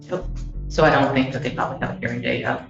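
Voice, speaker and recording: A woman's voice: a bass voice, steady tone, fast talker, gravelly. A woman speaking as a lawyer in a courtroom hearing. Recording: echoey, muffled courtroom audio, music underneath. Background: guitar music.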